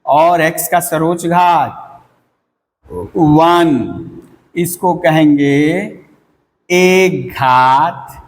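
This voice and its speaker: A man's voice: fairly high pitch, level tone, extremely slow, long pauses, a little mellow, in a large hall. A man teaching a maths lesson to students, asking them questions and answering them himself.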